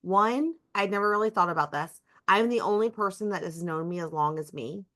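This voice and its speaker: A woman's voice: mid-range voice, fairly quick, a bit bright. A woman in a casual podcast conversation, thoughtfully picking up on points the others have made.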